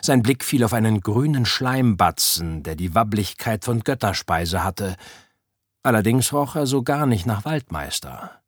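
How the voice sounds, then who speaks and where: A man narrating a children's story slowly and expressively, his pitch moving a great deal. His voice is breathy, and the recording is close and dry. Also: animated, no echo.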